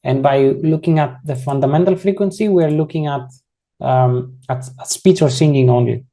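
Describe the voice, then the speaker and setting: At a normal speed and in an ordinary middle pitch, a soft, mellow instructor teaches coding online through a computer microphone. Each step is explained casually, though sentences often get restarted and corrected partway through.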